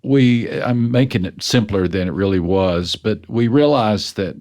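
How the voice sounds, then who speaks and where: A West Texas man with a deep, low voice speaks unhurriedly as a pastor and author being interviewed. He tells his story earnestly and with self-deprecation, often restarting sentences as he thinks, in a relaxed, reflective conversation.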